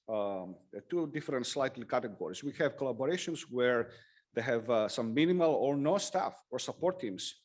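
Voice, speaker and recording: A man giving a technical lightning talk with slides, speaking haltingly with frequent hesitations and self-corrections. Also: medium pitch, a little mellow. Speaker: conference presenter.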